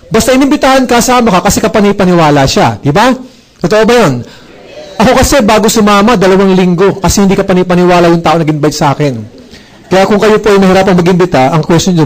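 High-voiced man giving a lively motivational talk. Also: low-quality recording. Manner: joking, asks the audience questions, acts out dialogue. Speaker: speaker at a business presentation. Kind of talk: animated motivational talk to a live audience.

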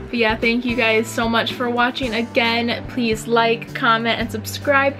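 A woman's voice: fairly high pitch, flat delivery, unhurried, over music. A young woman, telling a casual storytime vlog in a chatty, self-mocking way and acting out awkward moments. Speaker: vlogger.

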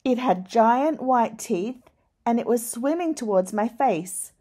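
A woman reading a children's picture book aloud, expressive, with dramatic rises at the scary moments. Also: fairly high pitch, slightly rough. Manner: slow, deliberate storytelling. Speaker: storyteller.

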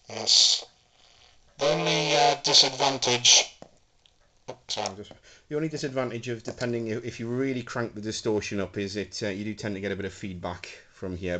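The audio is poor, with slight background noise, as a man with a medium-pitched, sharp-toned voice demonstrates his homemade electronics. He's a hobbyist prop maker, casual and hesitant, saying um often while working with the gear in an indoor room with a wooden floor, recorded on a handheld camera's mic.

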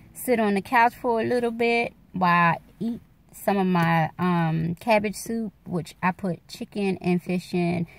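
A vlogger in her forties speaks candidly to a phone camera held close, rambling in a casual chat and addressing her viewers as y'all. Her voice is lowish and the recording dry, made in a dark room at night.

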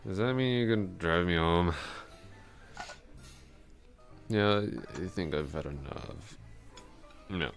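A deep-voiced man plays a drunk, lovestruck coworker in an intimate ASMR roleplay, rambling bashfully and haltingly while repeating himself and putting himself down. He sounds apologetic and woozy, with soft music in the background.

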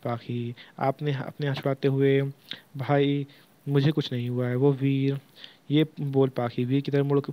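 A man narrates a serialized romance story, reading plainly and stopping now and then to correct himself. His pitch stays flat and even throughout. The recording sounds dull and lo-fi. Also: no echo. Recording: dull lo-fi audio.

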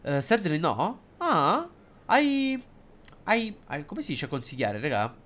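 A man giving casual, excitable and jokey live commentary while streaming a game, hesitant and halting whenever he switches into English. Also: fairly high pitch. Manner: excitable and jokey, swings between loud outbursts and mumbling.

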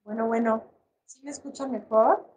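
A woman's voice: fairly high pitch, steady tone, normal speed, darkish tone, low-quality recording. A Mexican woman psychologist giving a live online parenting talk, conversational, with many fillers and restarts.

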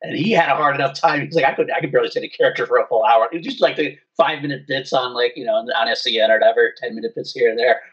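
A man's voice: mid-range voice, very fast, few pauses, a bit bright, recorded from a distance, dull audio. A man co-hosting a casual show, laughing easily while he tells anecdotes. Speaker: co-host. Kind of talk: casual podcast chat.

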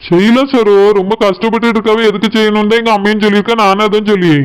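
A man's voice: high-pitched, little pitch movement, quick pace, clear, resonant tone, lightly acted. A man voicing a patient young village husband in a cartoon, coaxing and reasoning in a Tirunelveli Tamil accent. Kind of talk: cartoon comedy dialogue.

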